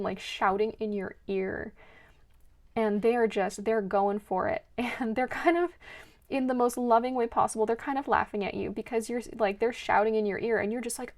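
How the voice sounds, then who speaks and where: A woman's voice: on the high side, vocal fry. A woman giving an earnest, emotional spiritual card reading, rambling with many restarts. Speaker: card reader.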